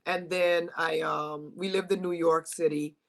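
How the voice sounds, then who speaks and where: A woman's voice: on the low side, fairly even intonation, measured pace. A woman in her forties from Guyana, a fitness coach, talking about herself in an upbeat, grateful way. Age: 40s. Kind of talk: casual interview chat.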